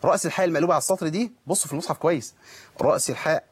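Egyptian man, husky-voiced and brisk, teaching tajweed, demonstrates each sound carefully. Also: a little high. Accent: Egyptian Arabic. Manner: patient, corrects and models pronunciation step by step. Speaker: Quran recitation teacher. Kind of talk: televised tajweed lesson.

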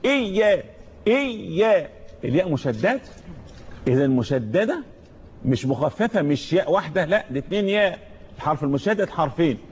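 A man with an Egyptian Arabic accent teaching Quran recitation, patiently explaining letters one by one and chanting verses slowly for students to repeat. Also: fairly high pitch, expressive, a little mellow, breathy edge. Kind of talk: tajweed lesson with call-and-repeat recitation. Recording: dull lo-fi recording.

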